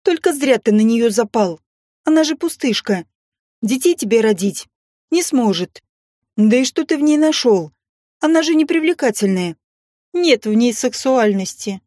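Reading an audiobook, a man voices a brazen, scheming young mother who is sly, mocking and venomous, pitching himself far above his natural voice. The delivery is animated, moderately paced and a little mellow. It's a dry recording with clean studio sound.

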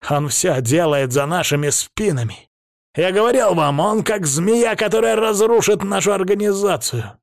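A man voicing an enraged older male crime-family head who barks his lines and turns shrill when he yells. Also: fairly quick, hardly any pauses, dry recording, clean studio sound, close to an everyday voice. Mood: furious. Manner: barking, shrill when yelling.

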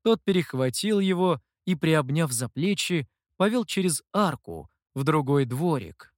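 Expressive audiobook narrator. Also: mid-range voice, measured pace, no room sound, studio quality. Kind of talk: scripted narration.

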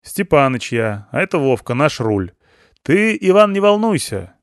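A man doing a loud, shouting male rescuer. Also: a little high, sing-song, moderate pace, dry recording, studio quality, voice pushed up. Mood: bossy, loud. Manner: shouting, emphatic.

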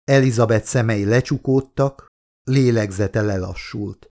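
A man, the author, narrating his own novel as an audiobook in a measured, steady reading. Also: fairly low pitch.

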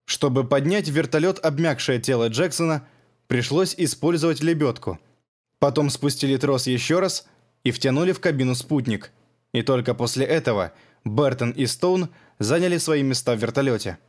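A male narrator reads an audiobook at a measured, even pace. His voice is mid-pitched and steady, and his delivery stays controlled throughout. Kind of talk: scripted narration.

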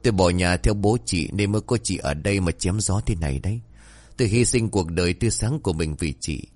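Scolding storybook stepmother, bossy and sharp, done by a man in his deep voice. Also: a little fast. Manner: scolding, lecturing.

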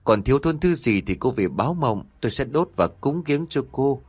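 A man's voice: medium pitch, expressive, moderate pace, slightly rough, no room sound. A man voicing a frightened, pious old village grandmother in an audio story, murmuring pleading prayers.

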